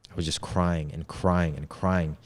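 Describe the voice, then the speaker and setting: A man in his twenties speaks in a very deep, low register. He tells his story in a casual, candid way, sprinkled with street slang. He is a guest opening up on an interview podcast. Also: fairly even intonation, unhurried. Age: 20s. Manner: slangy and candid, heavy on "yo" and "bro". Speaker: podcast guest, men's coach.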